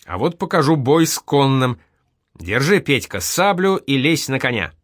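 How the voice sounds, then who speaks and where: A man's voice: medium pitch, very animated, normal speed, dry recording, studio quality, pitched above the performer's own voice. A man voicing an eager young soldier who speaks heatedly and proudly. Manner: heated, boastful.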